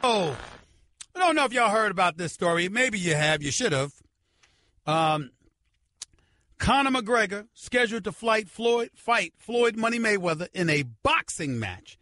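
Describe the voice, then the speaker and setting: A man's voice: high voice, very animated, measured pace, bright, forceful tone, a little hiss or hum. A middle-aged man hosting a sports talk radio show, arguing his points with emphatic, preacherly repetition. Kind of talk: sports talk radio commentary and host-read ad.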